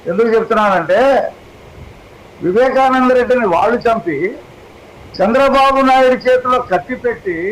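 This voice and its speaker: High-pitched accusatory debating man. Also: slight background noise, rough recording. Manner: accusatory, rhetorical questions. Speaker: political debate panelist. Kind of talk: heated TV debate argument.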